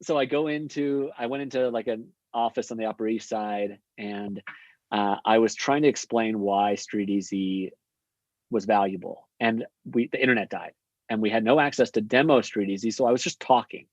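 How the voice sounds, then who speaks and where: A man's voice: fairly low pitch, moderate pace, no room sound, lo-fi sound. Rambling man telling work stories. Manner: rambling, filler-heavy, animated anecdotes. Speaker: podcast guest, agency founder. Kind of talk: casual interview storytelling.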